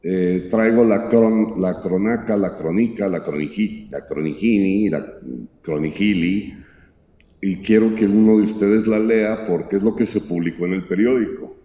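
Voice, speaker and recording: A man voicing a boastful fake opera tenor who speaks slowly and grandly and fumbles invented Italian words. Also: on the low side, natural voice. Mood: grandiose. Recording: dull echoey hall recording.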